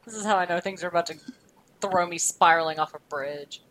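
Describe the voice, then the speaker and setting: A woman's voice: on the low side, fairly quick, a bit bright, low-quality recording. A woman co-hosting a podcast in casual chat, sarcastic and swearing freely. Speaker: podcast co-host.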